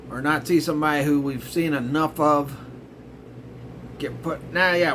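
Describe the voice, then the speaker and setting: A man's voice: medium pitch, a bit bright. Cranky middle-aged guy ranting on his home mic, sarcastic and fed up, bit of hiss behind him. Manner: grumbling, exasperated ranting with sarcastic asides. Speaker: host. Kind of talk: casual ranting commentary.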